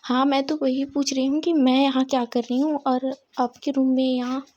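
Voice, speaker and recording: A woman voicing a young woman in a storybook tale who is confused and indignant, speaking slowly and questioningly. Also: high voice, flat delivery, a little mellow, dull audio.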